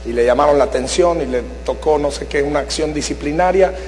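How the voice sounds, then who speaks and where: A middle-aged man preaching a sermon to a congregation, swinging from shouts to hushed asides. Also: fairly high pitch, quick pace, low-quality recording. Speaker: pastor. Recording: faint mains hum.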